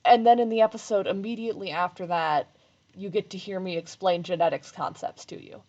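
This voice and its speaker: A woman's voice: a little fast, dark tone. Rambling, self-mocking woman streamer, dull audio. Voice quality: slight vocal fry when talking low. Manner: rambling, self-deprecating, laughs often. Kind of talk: casual live-stream chat while sewing. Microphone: desk microphone.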